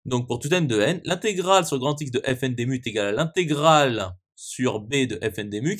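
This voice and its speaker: A man lecturing on mathematics, reciting a scripted proof in a formal, methodical way. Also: medium pitch. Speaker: maths lecturer.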